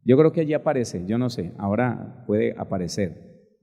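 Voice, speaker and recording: A male pastor preaching a sermon emphatically, spelling out words slowly and addressing listeners directly. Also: lowish voice, animated, gravelly, mellow, in a large hall, muffled recording.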